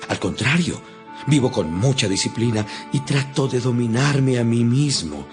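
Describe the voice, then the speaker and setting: An actor playing an earnest, stern apostle in a dramatized audio Bible, with solemn, emphatic, preacherly delivery. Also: male voice, mid-range voice, expressive, unhurried, natural voice. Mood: earnest, resolute. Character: apostle Paul, earnest, stern male preacher to his flock. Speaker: Bible reader voicing the apostle Paul. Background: music behind the voice.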